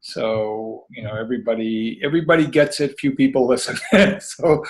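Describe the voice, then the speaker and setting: A man talks as the guest in a casual spiritual interview, his middle-pitched voice drifting from thought to thought in a folksy way. He calls the listeners pet names and keeps his delivery loose and unhurried. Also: flat delivery, poor audio. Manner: meandering, folksy, addresses listeners as babies and kiddies. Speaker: guest author.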